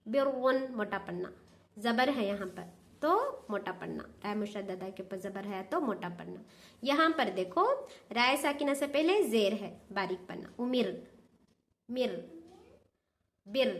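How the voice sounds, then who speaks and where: A woman with a high voice and a Dakhni Urdu accent teaches the rules of Quran recitation. She explains patiently, asking questions and then answering them herself. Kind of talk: tajweed lesson.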